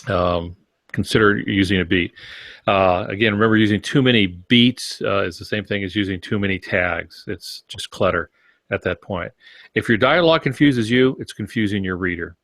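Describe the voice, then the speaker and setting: An older man co-hosts a podcast, going through practical tips from his notes in a conversational, instructive manner. His voice is fairly low and a bit bright, at normal speed, and the recording is dry.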